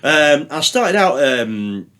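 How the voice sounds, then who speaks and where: This middle-aged man, a radio producer guesting on a podcast, speaks slowly in a rather high, sing-song voice with a sharp edge. His casual chat wanders through stories packed with fillers and the occasional swear word.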